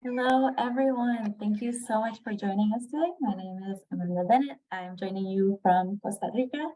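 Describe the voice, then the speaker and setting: A woman's voice: mid-range voice, mellow, low-quality recording. Friendly woman hosting an online event. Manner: friendly, unhurried, with fillers. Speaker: event host. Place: Costa Rica.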